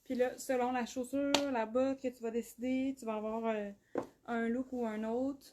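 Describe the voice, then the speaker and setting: A woman with a Québécois accent hosting a live clothing sale, chatty, full of fillers and quick laughs. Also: a little high, level tone, background noise. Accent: Québécois French. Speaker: clothing brand host. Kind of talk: live shopping stream. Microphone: phone.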